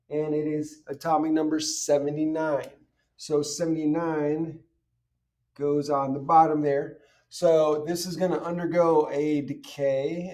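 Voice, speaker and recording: This chemistry teacher's voice is on the high side and mellow, recorded from a distance. In an informal lesson he goes through worked examples step by step, asking himself questions and answering them.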